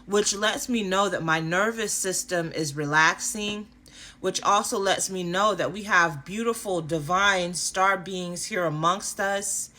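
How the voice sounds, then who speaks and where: A woman doing a spiritual card reading for her viewers, affirming and animated, often checking in with "okay?" and yawning now and then. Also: fairly low pitch, measured pace. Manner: animated, affirming, frequent "okay?" tag questions. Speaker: tarot and oracle card reader.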